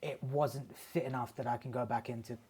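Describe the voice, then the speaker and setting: A man talks as a podcast guest at a middling pitch. He is playful and jokey, drops the odd swear word, and keeps the conversation easygoing. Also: fairly even intonation, fairly quick, darkish tone, breathy edge. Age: 30s. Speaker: guest, martial artist and sports massage therapist. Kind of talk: casual chat.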